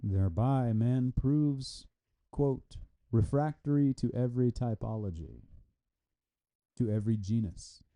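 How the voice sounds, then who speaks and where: At a measured pace, a mellow, medium-pitched man reads aloud from a translated philosophy review. His reading is formal and scripted, and he verbalizes citations and punctuation.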